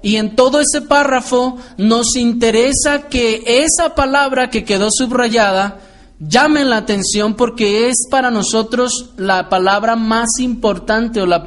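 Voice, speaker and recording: A man preaching a Bible lesson to a congregation, explaining patiently and asking the listeners rhetorical questions. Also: high-pitched. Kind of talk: sermon-style Bible teaching.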